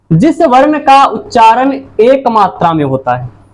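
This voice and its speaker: A woman teacher giving a lecture, asking her own questions and answering them, and repeating each key point. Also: on the high side. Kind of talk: classroom-style lecture.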